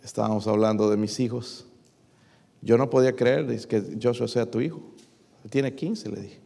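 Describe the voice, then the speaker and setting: A man's voice: moderate pace, creaky, mellow. Male preacher in an echoing church. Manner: reads scripture aloud, rising in pitch and force on verses; addresses congregation as brothers, with frequent rhetorical questions. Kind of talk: sermon.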